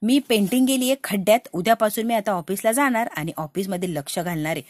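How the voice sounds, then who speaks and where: A woman's voice: medium pitch, fast, dry recording, natural voice. A woman voicing an irritated young husband who scolds his wife and demands respect. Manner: scolding, exasperated.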